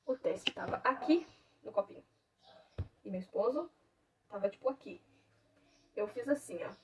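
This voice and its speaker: A young woman, a mother, telling her own story in an animated way and acting out the dialogue. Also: fairly high pitch, moderate pace. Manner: animated, acts out quoted dialogue, laughs often. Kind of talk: emotional personal storytelling. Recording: distant mic, dull lo-fi sound, faint noise.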